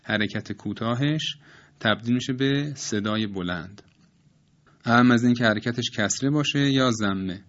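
A man with a medium-pitched voice calmly walks through Quran recitation rules step by step, reciting each example slowly and then repeating it. The sound is lo-fi.

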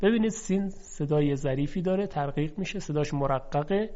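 A man teaches Quran recitation in a fairly high voice. He explains patiently and slowly sounds out pairs of letters to contrast them. The recording is dull and lo-fi. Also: dark tone. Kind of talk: instructional lesson.

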